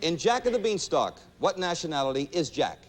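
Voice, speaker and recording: A man hosting a 1960s television quiz in front of a studio audience, his voice rising and falling over a lively range and sitting a little high. He keeps the game moving briskly and genially, slipping jokes between the questions. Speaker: game show host.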